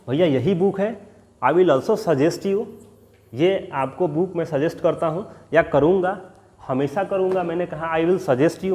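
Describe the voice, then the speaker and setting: A man gives a spoken English lesson, calling out example sentences slowly and stretching the English words. His voice sits fairly high, and he drops into friendly, encouraging asides to his students. A long reverb hangs after his words. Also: a little mellow. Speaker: English teacher.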